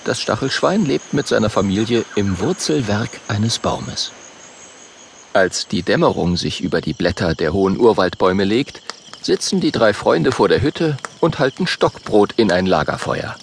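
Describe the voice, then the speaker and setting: A man narrating a children's audiobook in an expressive, animated way. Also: on the low side, moderate pace, creaky, a little hiss or hum. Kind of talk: scripted storybook narration.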